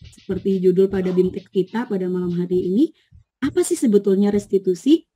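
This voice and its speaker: A woman's voice: medium pitch, fairly quick, warm tone, soft background music. A woman presenting an online teacher training, explaining patiently and reading out participants' answers, in her speech.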